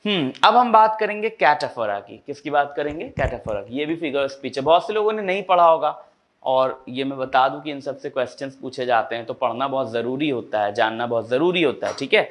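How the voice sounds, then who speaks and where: A man teaching literature, reading definitions slowly and explaining them in Hindi with frequent check-ins. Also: mid-range voice, expressive, fairly bright tone. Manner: reads English definitions slowly, then explains quickly in Hindi with frequent "ठीक है?". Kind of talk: Hindi-English classroom explanation.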